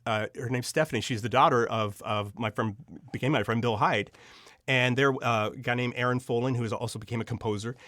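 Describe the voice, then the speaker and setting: An audio drama writer and director, guesting on an interview, tells stories with gushing enthusiasm and acts out the dialogue. His mid-range voice is a bit bright, captured in clean, echo-free studio sound.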